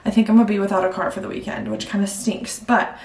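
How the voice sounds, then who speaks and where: A woman's voice: mid-range voice, fairly even intonation, fast talker, darkish tone. Breathless chatty woman in an echoey room. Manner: chatty, rambling, laughs at herself. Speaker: vlogger. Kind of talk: casual chat to camera. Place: at home indoors. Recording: roomy echo, mic at a distance.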